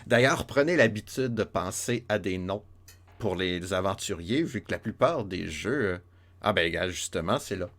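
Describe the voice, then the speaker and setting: A man's voice: low-pitched, expressive, moderate pace, fairly bright tone. A man gives casual, playful commentary on a game, joking along as he plays. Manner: playful, joking, many fillers and restarts. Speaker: let's play host.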